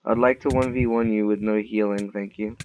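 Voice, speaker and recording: A man's voice: lowish voice, steady tone, fairly quick, a little mellow. A man chatting casually while playing a game, swearing and teasing his opponent. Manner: swearing, trash-talking, teasing. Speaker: gamer recording a Minecraft video. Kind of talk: casual gaming chat. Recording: dull muffled mic with faint noise.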